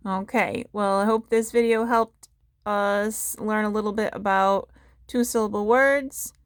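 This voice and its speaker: A woman teacher giving a phonics lesson to young children, sounding out the parts of words slowly and clearly and asking the listener questions. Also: medium pitch, fairly even intonation, no room sound, studio quality. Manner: patient, asks the listener questions.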